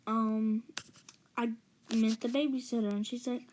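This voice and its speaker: A chatty woman narrates a personal story over gameplay in a fairly high voice. She talks slowly and rambles, throwing in dramatic gasps. A faint hiss sits under her voice. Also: flat delivery, mellow, low-quality recording. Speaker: gaming channel storyteller.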